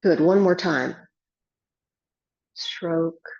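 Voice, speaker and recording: Husky low-voiced woman giving serene tai chi cues. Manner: gentle, unhurried instructing in short step-by-step cues. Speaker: tai chi and qigong instructor. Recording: dull lo-fi sound.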